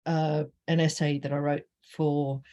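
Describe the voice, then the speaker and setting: A woman's voice: low-pitched, level tone, unhurried, dark tone. A middle-aged woman from Australia, an author being interviewed, talking casually with many fillers and frequent laughter. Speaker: author guest.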